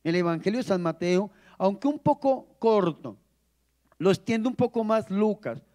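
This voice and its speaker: A man's voice: high-pitched, animated, darkish tone. A priest giving a sermon, asking the congregation questions and stretching words out for emphasis, with big rises and drops in his delivery. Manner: preaching with dramatic rises and drops, drawn-out emphasis.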